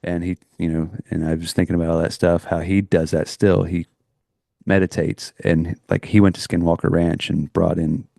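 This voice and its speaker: A man's voice: low-pitched, little pitch movement, moderate pace, gravelly, warm tone, no room sound, studio quality. A middle-aged man co-hosting a podcast, telling a personal story in a rambling, earnest way with many restarts. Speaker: podcast co-host. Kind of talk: casual chat, storytelling.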